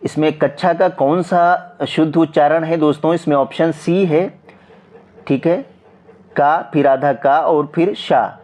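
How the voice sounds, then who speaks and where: A man with a Hindi accent explaining exam practice questions as a coaching teacher, slowly and repetitively, checking in with viewers often. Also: fairly high pitch, steady tone, a little mellow.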